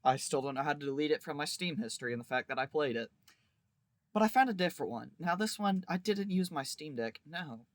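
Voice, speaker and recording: A man with a fairly high, expressive voice talks fairly quickly as he reviews a visual novel on video. His commentary is wry and informal, full of emphatic exaggeration, with no room sound.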